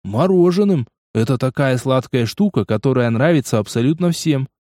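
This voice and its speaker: A man's voice: medium pitch, animated, normal speed, mellow, dry recording, studio quality, close to an everyday voice. A man playing an impatient, exasperated young game player in a storybook reading. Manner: blunt, exasperated questioning.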